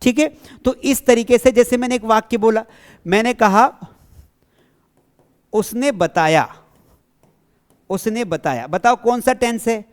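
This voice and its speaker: A man's voice: very high-pitched, normal speed, smooth. A man teaching an English grammar lesson to a class. He keeps checking that the students follow, and he asks questions and then answers them himself. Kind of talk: classroom lesson explaining tenses.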